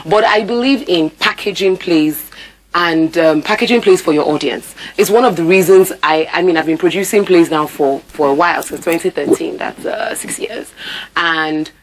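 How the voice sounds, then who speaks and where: In an indoor TV studio broadcast interview, a thirty-something Nigerian-accented woman who works as an actor and theatre producer speaks as the guest, emphatic and repeating words to make her points land. Her lowish voice moves at normal speed. Heard through a lapel mic, the rough recording carries a little hiss or hum.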